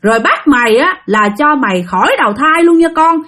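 A woman playing a furious husband, shouting and scolding fast. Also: fairly high pitch, lively intonation, breathy edge. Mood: threatening.

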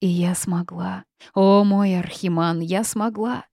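Woman putting on a gravelly half-mad old witch. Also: mid-range voice, animated, a little slow, dark tone, no room sound, clean studio sound. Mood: unhinged. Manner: cackling, wailing, half-mad. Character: old raving female witch, bitter and unhinged. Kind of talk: audiobook character reading.

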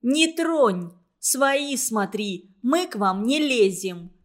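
A woman reading a children's story aloud, voicing a bossy, indignant schoolgirl who shouts her protests. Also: on the high side, animated, slow.

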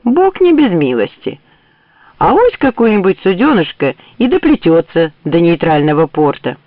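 A man's voice: high-pitched, wildly swooping pitch, normal speed, dry recording. A man voicing a grumbling, sarcastic old general in a mocking way. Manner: sneering, mocking. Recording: tinny phone-like dry audio.

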